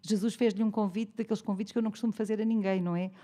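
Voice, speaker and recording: A woman's voice: medium pitch, fairly even intonation, very fast, dark tone. A woman with a European Portuguese accent preaching a sermon in a church, conversational and often asking the congregation for an amen. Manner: conversational, calls for "amen" responses.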